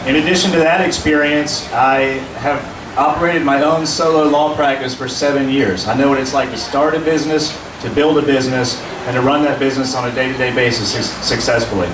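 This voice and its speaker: A man in his forties speaking as a judicial candidate at a public forum, measured and earnest, with fillers when answering questions. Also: mid-range voice, steady tone. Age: 40s. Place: meeting room at a public forum. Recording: roomy, distant, noisy room recording.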